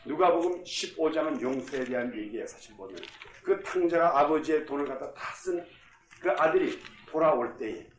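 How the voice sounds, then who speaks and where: A pastor teaching a Bible class in an echoey room, his voice pitched a little high. He is emphatic, drives his points home by repeating them, and puts questions to his listeners. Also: animated, brisk, a little hiss or hum. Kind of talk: Bible study lecture.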